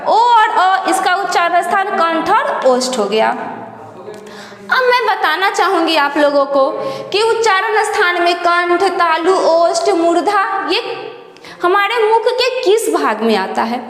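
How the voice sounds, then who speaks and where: A woman teaching a Hindi grammar lesson, explaining slowly and repeating definitions to her students. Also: very high voice, very animated, fairly bright tone. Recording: echoey room with long reverb.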